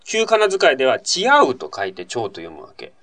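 Man with a lively, wide-ranging voice. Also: mid-range voice, brisk. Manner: chatty explainer, fond of tag questions and asides. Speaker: host. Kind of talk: casual radio-style talk answering a listener letter.

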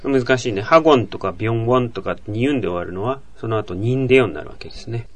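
A man's voice: medium pitch, fast talker. A man hosting a language podcast, explaining pronunciation in casual chat and acting out sounds aloud. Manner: lively, demonstrates sounds aloud. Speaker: host, chief editor of a Korean language podcast.

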